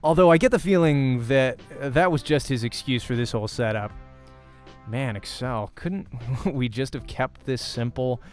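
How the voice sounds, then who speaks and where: A man with a mid-range voice hosts a let's play, reading the visual novel's narration aloud at a moderate pace with the expressiveness of a voice actor. He acts out the dialogue as he narrates, with game music in the background.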